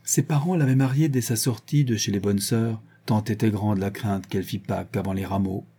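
Man reading an audiobook, low dark husky voice, measured storytelling. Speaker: narrator.

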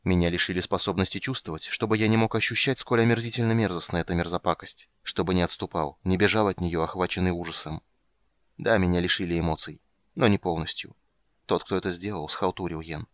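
A man voicing a weary, grim monster hunter in an audiobook, speaking gruffly and bitterly. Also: steady tone, fast, a bit bright, dry recording. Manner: gruff, bitter, low-key. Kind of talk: audiobook character reading.

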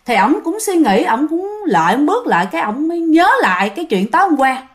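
A woman's voice: high voice, very animated, a little fast. A woman with a Southern Vietnamese accent casually telling a ghost story and talking to her listeners. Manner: chatty, addresses listeners directly.

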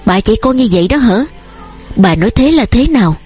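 A woman with a breathy voice reading the lines of a stern old farmer father who shouts and scolds in an audiobook. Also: on the high side, animated, brisk, faint music behind. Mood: angry.

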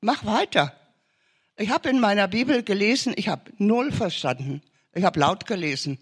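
A man's voice: high-pitched, sing-song, normal speed, husky. A man preaching an urgent sermon testimony, pressing listeners with emphatic, repeated short commands.

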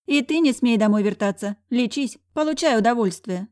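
A woman's voice: fairly high pitch, expressive, a little mellow, pitched above the performer's own voice, close to an everyday voice. A woman playing a brash, mocking woman friend. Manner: mocking, bossy, quick-tongued.

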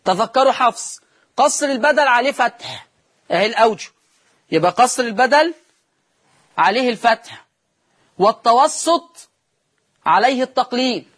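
A man's voice: very high voice, animated, normal speed, long pauses, fairly bright tone. A man with an Egyptian accent teaching Quran recitation rules on TV. He demonstrates each reading and poses questions he then answers himself. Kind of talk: televised recitation lesson. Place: TV studio.

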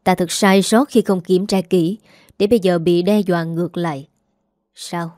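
Stern older matriarch, voiced by a woman, commanding; low warm tone, audiobook drama. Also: steady tone, moderate pace, no echo, studio quality, natural voice. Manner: severe, commanding.

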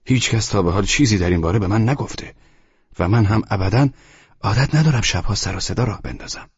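A man reading an audiobook, voicing a meek, anxious young tenant who talks softly and apologetically. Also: fairly low pitch, breathy edge, voice pushed up. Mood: apologetic. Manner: soft-spoken, apologetic. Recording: muffled lo-fi audio.

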